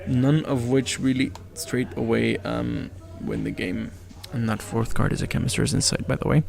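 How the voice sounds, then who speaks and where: A man's voice: mid-range voice, fairly even intonation, moderate pace, vocal fry, darkish tone, faint music behind. A man commentating a live card game match, analytical, chatty and given to jokes. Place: event venue.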